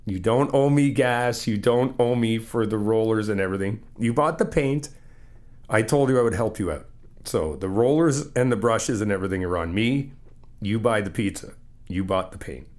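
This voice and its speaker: A young ASMR creator with a fairly low, darkish voice talks at a moderate pace, acting as a friend who helps paint a new apartment. He reassures warmly, stays easygoing, and often teases and laughs.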